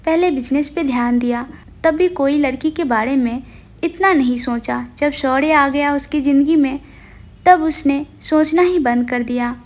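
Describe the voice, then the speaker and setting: A woman storyteller giving a gentle, steady scripted narration of an audio story. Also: sits high, normal speed.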